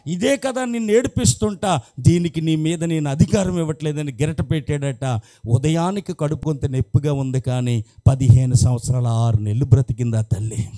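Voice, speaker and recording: A man's voice: fairly high pitch, dark tone. A man preaching a sermon as a pastor, telling a story and acting out its dialogue in rising, emphatic bursts. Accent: Telugu from Andhra Pradesh.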